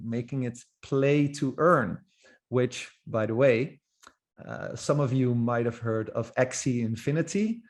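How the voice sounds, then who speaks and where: A man presents as a guest speaker at a middle pitch. He sounds eager and informal. He sometimes trips over a word and starts again. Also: darkish tone. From Netherlands. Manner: enthusiastic, informal, occasional restarts. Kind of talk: presentation talk.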